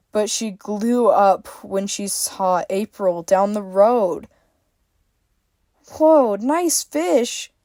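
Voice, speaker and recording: Slow-reading woman telling her own story. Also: mid-range voice, warm tone, dry recording, studio quality. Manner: unhurried reading with small slips.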